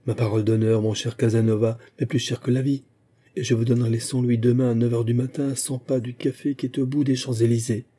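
A man voicing a proud French count who is quick to take offence, speaking courtly and insistent on his honour, in an audiobook. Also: medium pitch, level tone, warm tone, husky, close to an everyday voice. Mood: solemn. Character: proud touchy male French nobleman, a count.

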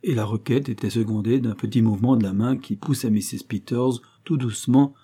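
A man narrating a novel in a measured, even reading. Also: medium pitch, breathy edge. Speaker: audiobook narrator. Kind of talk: scripted narration.

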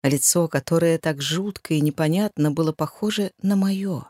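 Woman reading a fantasy audiobook, even measured tone, dead dry sound. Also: low-pitched, no room sound. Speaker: audiobook narrator. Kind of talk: first-person fantasy audiobook narration.

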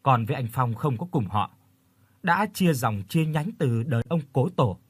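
A man's voice: medium pitch, animated, moderate pace, husky, no room sound. A man voicing a stubborn young woman who argues back with her mother. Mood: arguing. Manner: irritable, reasoning.

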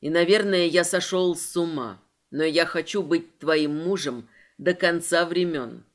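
A woman doing a soft-spoken tender husband. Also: fairly low pitch, unhurried, pitched below the performer's own voice, close to an everyday voice. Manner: quiet and tender.

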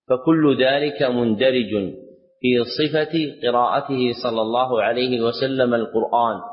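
A male scholar lectures in a slow, deliberate, formal way, each phrase set down with care. His voice sits at an ordinary middle pitch. It rings with a long hall reverb, and the recording sounds muffled and dull. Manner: measured, deliberate classical delivery. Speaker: Islamic scholar teaching.

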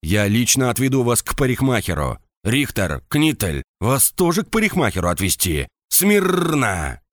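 A man voicing a hoarse, bullying drill sergeant who barks crude insults and commands at his soldiers in an audiobook. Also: mid-range voice, very animated, normal speed, no echo, clean studio sound, natural voice. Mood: barking, scolding. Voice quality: hoarse barking shouts.

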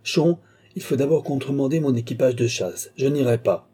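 A man voicing a proud, quick-tempered noble countess in an audiobook, haughty and indignant. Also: mid-range voice, mellow, breathy edge, voice pushed up, natural voice. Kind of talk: audiobook character voice.

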